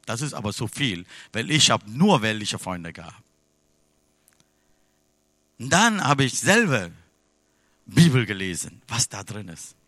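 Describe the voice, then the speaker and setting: Bright, forceful man preaching a sermon. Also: medium pitch, sing-song, unhurried, long pauses, no echo. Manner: non-native German with broken grammar; swings between hushed asides and loud exclamations.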